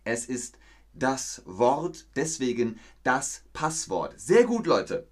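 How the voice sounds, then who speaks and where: A man teaching a live-streamed language lesson, repeating words slowly and praising his viewers. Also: medium pitch, sing-song. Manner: slow, repetitive, encouraging teacher talk. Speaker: German teacher.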